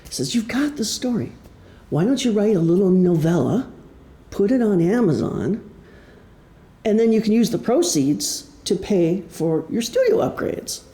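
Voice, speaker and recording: A middle-aged author gives an informal prepared talk to a live audience indoors, telling stories in a wry, self-deprecating way. His voice sits high, warm and animated at a measured pace, and the room is echoey.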